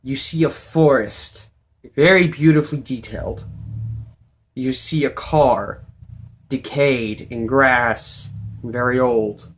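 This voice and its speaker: A man's voice: medium pitch, steady tone, slow pace. A man giving casual, unscripted video game commentary as a vlogger, in an overexcited, gushing way, often repeating himself.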